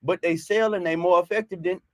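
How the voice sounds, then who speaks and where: A man's voice: high voice, fairly even intonation, a little fast, no echo, studio quality. A man co-hosting a business talk show, chatting casually and animatedly, laughing often and repeating words as he gets going.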